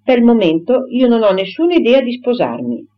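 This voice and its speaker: Woman voicing a firm, indignant young gentlewoman. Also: a little high, very animated, fairly quick, pitched above the performer's own voice. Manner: firm, crisp and formal. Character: indignant proper young gentlewoman refusing a suitor. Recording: dull lo-fi recording.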